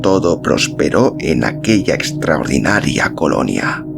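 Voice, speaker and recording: With a very deep voice full of vocal fry, a man reads a scripted literary story, very animated but at a measured pace. He's an audiobook-style podcast narrator, accompanied by instrumental music.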